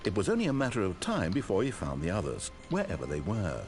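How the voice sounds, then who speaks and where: An actor playing a wry, all-knowing storyteller in a video game, narrating with pompous, dry sarcasm and exasperation. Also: male voice, deep voice, huge pitch swings, fast, over music. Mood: measured, storytelling.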